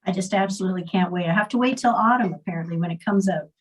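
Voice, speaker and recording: A woman's voice: fairly low pitch, very fast, husky, rough recording. A woman interviewing an author for a library over a video call, upbeat, asking prepared questions.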